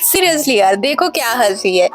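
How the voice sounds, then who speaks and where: A woman's voice: on the high side, animated, measured pace, soft background music. A woman casually retelling a video clip in a gossipy, exclamatory way. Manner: gossipy and exclamatory, often says "yaar" and "seriously". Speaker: video explainer narrating a clip.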